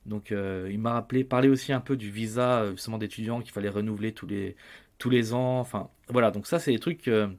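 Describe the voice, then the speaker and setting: A man's voice: lowish voice, fairly even intonation, fairly quick, a little mellow. A man in his thirties from France, a podcast guest telling his family story in a casual, hesitant way with many filler sounds and restarts. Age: 30s.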